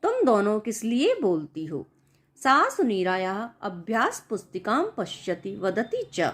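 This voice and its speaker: A woman's voice: fairly high pitch, a bit bright. A woman teacher who reads a text aloud word by word and then translates each word in a patient lesson. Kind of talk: line-by-line lesson explanation.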